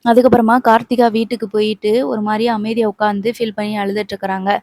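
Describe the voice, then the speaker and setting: A woman's voice: mid-range voice, flat delivery, quick pace, a little mellow. A woman chattily retelling a TV serial episode, repeating herself as she goes. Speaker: serial promo reviewer.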